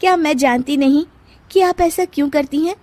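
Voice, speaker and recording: A defiant young daughter-in-law from a cartoon family tale, acted by a woman. Her voice is high and sharp-tongued, indignant and quick to argue back, in a dry recording. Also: dry recording, lightly acted. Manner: indignant, argumentative.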